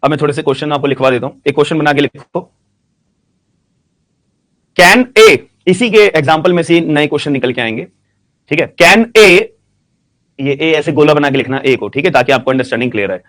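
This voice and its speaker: A man teaching a law class, speaking slowly and repeating questions and answers so students can write them down, with phrases. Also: on the high side. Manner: slow dictation, repeats questions and answers, frequent "ठीक है" checks. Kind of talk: classroom lecture.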